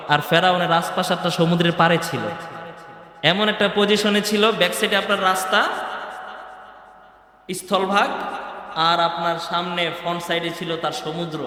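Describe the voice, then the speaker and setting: High bright bangladeshi preacher guy telling stories in a sermon, big echoey hall. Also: little pitch movement, normal speed. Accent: Bangladeshi Bengali. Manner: storytelling, acting out voices in dramatic retellings.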